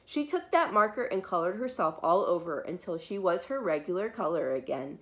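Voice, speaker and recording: A woman reading a children's book aloud like a preschool teacher, expressive and emphatic, with dramatic pauses and small asides to her young listeners. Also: on the low side. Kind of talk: animated read-aloud storytelling for young children.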